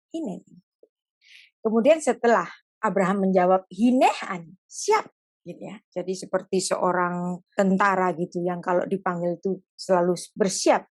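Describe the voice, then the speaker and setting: Lively woman teaching a Bible lesson. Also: mid-range voice, no room sound. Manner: explanatory and lively, with casual spoken asides.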